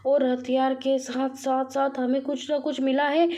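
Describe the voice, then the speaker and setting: A woman's voice: high-pitched, a little slow. A woman casually commenting on her mobile game as she plays, chatty with viewers, often crying out and repeating words when things go wrong. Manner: excitable, frequent cries and repeated words; addresses viewers as friends, chatty. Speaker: gaming channel host. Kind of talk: live commentary while playing a mobile game.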